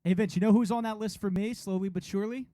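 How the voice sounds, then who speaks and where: A man's voice: sits high, steady tone, fast talker, dark tone, no room sound. A man co-hosting a sports podcast in casual banter, arguing his points insistently and repeating himself. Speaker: podcast co-host.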